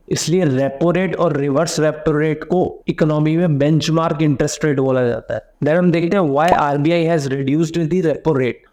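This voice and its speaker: Male economics educator for an exam-prep explainer, a touch high in pitch, who answers his own questions and mixes in English terms. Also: darkish tone.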